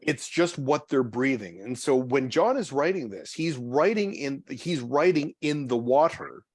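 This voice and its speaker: A pastor leading a church study group, talking casually and haltingly with many restarts and repeated words. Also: male voice, medium pitch, lively intonation, no room sound, studio quality. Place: church meeting room.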